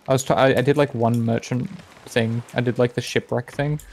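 A man's voice: mid-range voice, fairly even intonation, brisk, darkish tone, a little hiss or hum. A young man chatting casually while playing a game with a friend, teasing and playful. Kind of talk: casual gaming chat.

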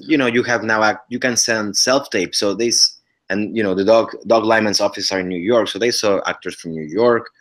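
A Mexican man in his thirties with a lowish, slightly bright voice speaks English, his second language, with a Mexican Spanish accent. He's an actor guest in a casual interview over a webcam video call from his living room. He talks earnestly and often begins his sentences again.

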